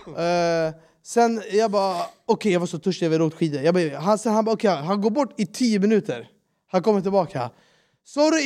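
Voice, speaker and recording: A man, telling a travel story in casual chat and acting out the people he met in broken English. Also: high voice. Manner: animated, acts out quotes in broken English. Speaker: podcast host.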